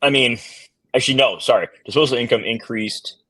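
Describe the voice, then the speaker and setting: A man's voice: medium pitch, a little fast, a bit bright, no echo. A man co-hosting a markets show, talking loosely with hesitations, jokes and swearing. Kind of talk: casual market chat.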